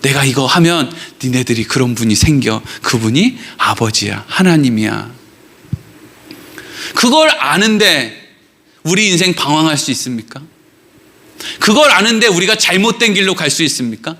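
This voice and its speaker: A man's voice: a little high, animated, normal speed, pushed and bright. A male pastor preaching a Sunday sermon in a conversational way, often asking the congregation rhetorical questions.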